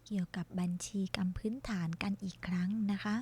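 A woman primary school teacher leading a reading lesson, saying each word slowly and repeating it for children to follow. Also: mid-range voice, fairly even intonation, darkish tone, slight background noise.

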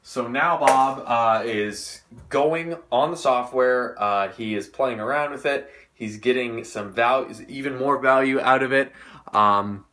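Energetic young man teaching at a whiteboard. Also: medium pitch, unhurried, slight background noise. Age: young adult. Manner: energetic, slangy, gesturing, acts out little dialogues. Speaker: livestream host teaching marketing. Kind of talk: casual livestream lesson at a whiteboard. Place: indoor room by a whiteboard. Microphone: phone camera at a distance.

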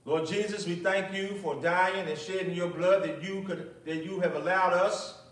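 Recorded from a distance in an echoey small church with hardly anyone in it, a middle-aged male pastor at the pulpit gives a sermon with prayer and commentary. He has a high, somewhat bright voice, fairly even in intonation, and keeps a moderate pace.

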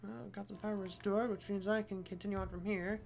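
A man's voice: high voice, flat delivery, a little fast, vocal fry, a little mellow. A man casually commenting as he plays a game, muttering self-deprecating asides. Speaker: game streamer.

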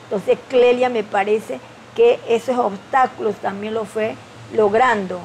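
A woman's voice: a little high, fairly even intonation, measured pace, a little mellow, slight background noise, rough recording. A woman who makes documentaries reflects in a hesitant, conversational way, full of fillers and tag questions. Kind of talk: casual interview reflection.

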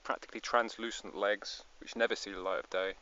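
A man's voice: on the low side, steady tone, brisk, sharp tone. A Scottish man chatting casually in a vlog while out biking on hills, rambling and self-deprecating. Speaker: vlogger. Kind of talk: casual outdoor vlog chat. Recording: slightly dull outdoor recording, faint noise.

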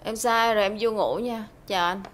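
A woman's voice: medium pitch, steady tone, brisk, natural voice. A young woman playing a carefree character in a TV drama, speaking in a breezy, teasing way. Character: carefree young woman brushing off her partner. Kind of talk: TV drama acting.

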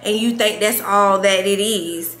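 A young adult woman chatting casually in an animated, slangy way. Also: medium pitch, unhurried, a little hiss or hum. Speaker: vlogger. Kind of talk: casual chat. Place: indoors at a home dining table. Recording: echoey room.

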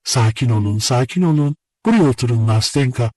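A man's voice: mid-range voice, animated, a little fast, mellow, no echo, lightly acted. A man voicing a lonely, lovesick young man in an audiobook, speaking earnestly and imploringly. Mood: soothing. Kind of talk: audiobook character reading.

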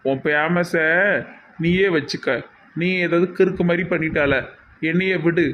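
A man's voice: a little high, a little slow, muffled recording, a little hiss or hum, lightly acted. A man playing a sheepish, complaining young husband in a comedy skit, with a Tirunelveli Tamil accent. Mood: grumbling.

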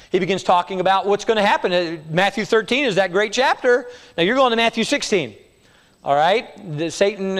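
High-voiced pastor preaching in a reverberant hall. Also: male voice. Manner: expository preaching, swinging between hushed low lines and raised emphatic ones. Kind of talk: sermon. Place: church sanctuary. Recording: long church hall reverb.

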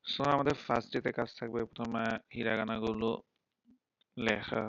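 A man's voice: mid-range voice, flat delivery, moderate pace, gravelly, a bit bright, dry recording. A man teaching a beginner class in a live online stream, explaining step by step in a patient way and often checking in with the learners. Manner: mixes English words into speech. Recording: dull lo-fi dry mic.

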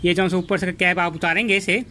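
A man hosting a casual gardening tutorial in his home garden, talking in a halting way with many fillers and restarts. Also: sits high, level tone, sharp tone, a little hiss or hum. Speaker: gardening channel host.

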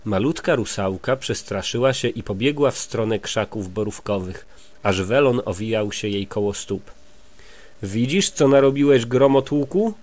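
A man's voice: on the low side, normal speed. Man reading a storybook aloud to a child. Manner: stops to explain words gently. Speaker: reader to a child.

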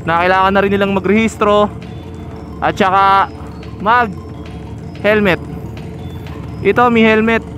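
Filmed outdoors on a helmet-mounted action camera while riding a motorcycle down open roads, a motovlogger chats instructively and points out riders. He speaks slowly in a high, steady, slightly bright voice, pausing often, with faint music behind him.

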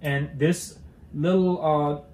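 A man's voice: on the high side, fairly even intonation, extremely slow, darkish tone, echoey room. A young man hosting a casual how-to demonstration, talking hesitantly with many fillers and restarts while he works with his hands in a cluttered garage. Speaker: DIY car channel host.

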